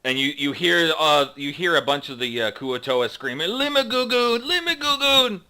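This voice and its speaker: A game master for a tabletop role-playing game reads scenes aloud slowly and dramatically, then drops into halting, casual chat with his players between them. His voice is mid-range, bright, clean, and forceful.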